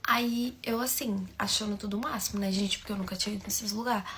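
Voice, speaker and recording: A woman's voice: mid-range voice, fairly even intonation, fast, noisy background. A young Brazilian woman telling a personal story in a chatty, gossipy way and speaking straight to her viewers. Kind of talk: casual storytime monologue.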